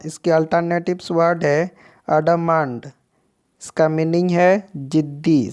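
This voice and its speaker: An English teacher giving a vocabulary lesson in a steady, methodical way, saying each English example sentence very slowly, word by word. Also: medium pitch, smooth.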